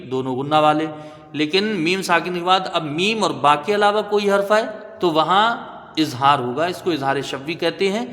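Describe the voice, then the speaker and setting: A man teaching Quranic recitation, spelling out letters and then slowly chanting each word, often checking with "right?". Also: on the high side, a bit bright, big-room sound. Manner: patient, drawn-out chanting of each word, frequent "theek hai?" checks.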